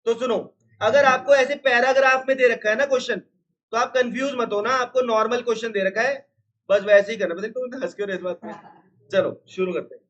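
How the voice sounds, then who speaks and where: A man's voice: extremely high pitch, steady tone, brisk, fairly bright tone. A man teaching a live accounts class online, repeatedly calling on students to listen, teasing and scolding them as he goes. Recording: slightly dull lo-fi sound.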